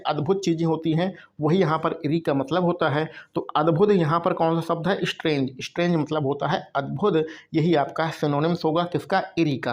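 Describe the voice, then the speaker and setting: A man teaching exam preparation in a recorded video lecture, explaining step by step, spelling words out letter by letter and checking in often with the viewers. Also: a little high. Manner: frequent "theek hai" check-ins, addresses viewers as bhaiya.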